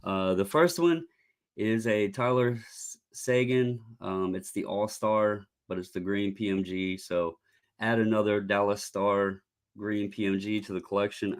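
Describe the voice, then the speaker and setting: A man with a scratchy, sore-throat voice hosting a live stream, rambling conversationally through casual hobby stories. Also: on the low side.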